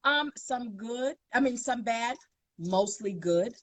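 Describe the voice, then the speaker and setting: A woman's voice: a little high, lively intonation, takes it slowly. A woman in her forties from Brooklyn with a Brooklyn accent, a model guest chatting in a sassy, emphatic, playful way. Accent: Brooklyn New York. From Bed-Stuy, Brooklyn, USA. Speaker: guest, plus-size model. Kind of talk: casual interview chat.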